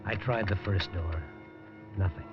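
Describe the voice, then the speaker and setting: Deep-voiced and measured, this actor plays a wisecracking male reporter narrating a 1950s radio drama in a dry, hardboiled style. It comes through as a dull lo-fi period broadcast with music.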